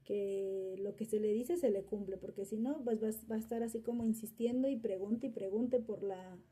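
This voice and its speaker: Husky and dark in tone, this mother speaks at medium pitch and normal speed. Her interview answers wander like casual storytelling, full of fillers and restarts; she's the mother of the interviewee's subject child.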